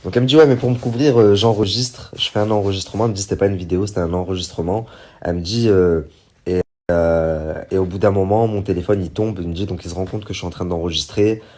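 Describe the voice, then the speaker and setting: A man casually retelling a story to his viewers, rambling with many fillers and animated bursts when he quotes others. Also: sits low, fast. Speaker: online commentator recounting a story.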